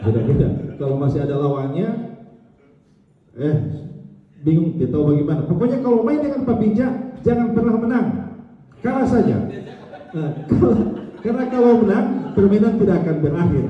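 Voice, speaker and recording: A man's voice: high voice, moderate pace, long pauses. A man giving a casual, joking tribute speech, laughing often and acting out remembered conversations. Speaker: speaker giving a farewell tribute. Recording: distant echoey hall recording, dull sound.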